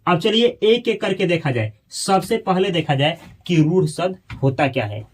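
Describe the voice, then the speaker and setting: A man teaching a grammar lesson to school students, asking questions and slowly repeating key words. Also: sits high, expressive, husky.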